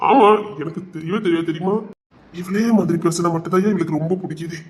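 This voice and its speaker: A man's voice: steady tone, fast talker, close to an everyday voice. A man acting a doting young man who coaxes his fiancée playfully, in Tirunelveli Tamil. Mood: coaxing. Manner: coaxing and playful, soft and low when pleading. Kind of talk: web series drama acting.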